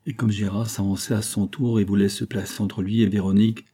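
A man narrating a classic novel in a measured, dramatic reading. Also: fairly low pitch, level tone, dark tone, slightly rough. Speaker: audiobook narrator. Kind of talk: literary audiobook narration.

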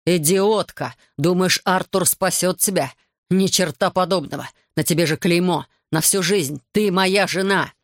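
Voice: mid-range voice, steady tone, no room sound, clean studio sound, lightly acted. A reader doing a bitter, controlling husband. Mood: bitter, furious. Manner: hurried, cold, then shouting.

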